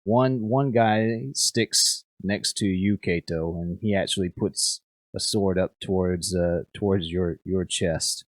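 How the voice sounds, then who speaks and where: Deep low guy slowly running a tabletop game, stops and restarts a lot, dry close sound. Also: dry recording. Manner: halting, hesitant, many restarts. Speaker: game master.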